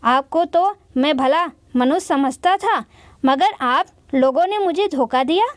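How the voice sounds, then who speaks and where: A woman voicing a furious middle-aged father who hurls accusations, reading it in a high, dry storybook voice. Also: lively intonation, measured pace, dry recording. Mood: angry. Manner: shouting accusations.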